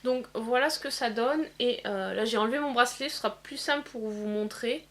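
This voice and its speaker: A woman demonstrating eyeshadow swatches in a casual vlog, pausing often with fillers. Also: on the high side. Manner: hesitant, many filler pauses. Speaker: beauty vlogger. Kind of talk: casual makeup swatch demo.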